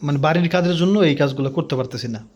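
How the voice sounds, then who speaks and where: A father vlogging at home indoors speaks in a fairly high, quick, slightly mellow voice into a phone held just in front of his mouth. He chats patiently in this casual family vlog and explains things at length. The highs are cut off.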